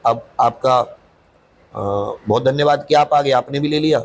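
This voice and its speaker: A man's voice: medium pitch, fairly even intonation, normal speed. A man, a coaching teacher, answering interview questions in a defensive, insistent, rambling way.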